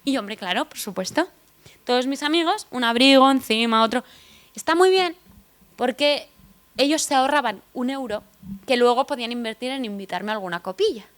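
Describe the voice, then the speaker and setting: A young woman with a Madrid Spanish accent tells funny stories about herself at a conference, speaking in a slightly high voice. She jokes at her own expense and throws asides to the crowd. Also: animated, brisk. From Spain (Madrid). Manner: chatty, joking, self-deprecating, with asides to the audience. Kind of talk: humorous personal storytelling talk. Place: conference stage before an audience.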